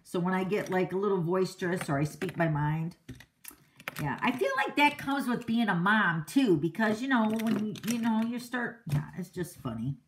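A woman's voice: medium pitch, animated, moderate pace, slight background noise. A middle-aged woman hosting a card-making livestream, chatting casually with viewers in a boisterous, outspoken way and laughing often. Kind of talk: casual live-stream chat.

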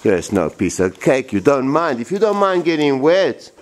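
A man's voice: mid-range voice, moderate pace. A man in his forties giving a rambling, blunt workshop tour in a large wooden boat shed, filming himself with a handheld camera. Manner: rambling, blunt and animated, with many restarts. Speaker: boatbuilder vlogger. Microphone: handheld camera at arm's length.

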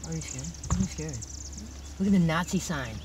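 A woman, chatting excitedly and swearing while filming an abandoned site on her phone. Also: deep voice, normal speed. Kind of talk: casual chat while exploring. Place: outdoors by abandoned buildings and in a car. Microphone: handheld phone. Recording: noisy outdoor phone recording.

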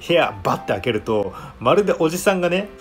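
Lively chatty man reviewing anime. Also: a little high, fast talker, soft background music. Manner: chatty, laughs often between remarks. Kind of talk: casual anime episode review.

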